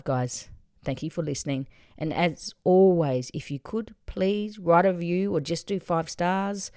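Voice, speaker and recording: Aussie lady podcaster, low voice, fired up and swears a lot, no room echo. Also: studio quality. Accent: Australian. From Australia. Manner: excitable, swears casually. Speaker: podcast host. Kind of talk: motivational solo podcast.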